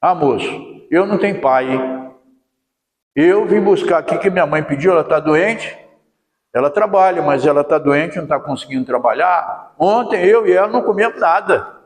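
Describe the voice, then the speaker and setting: A man's voice: a little high, expressive, normal speed, natural voice. A man voicing a hungry, poor little boy who pleads plaintively, in an echoey hall. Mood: pleading.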